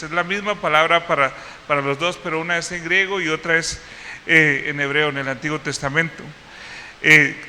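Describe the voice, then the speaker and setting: A man's voice: on the high side, bright, forceful tone, long reverb tail, a little hiss or hum. A man preaching a sermon as pastor, teaching a Bible passage step by step with many fillers and restarts. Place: church hall.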